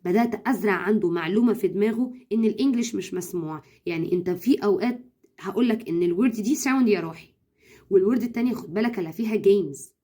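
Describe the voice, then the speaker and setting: A woman with an Egyptian Arabic accent, an English tutor giving brisk advice to parents, slipping in English words and slowly sounding out syllables. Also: medium pitch, dark tone. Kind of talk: instructional talk to parents.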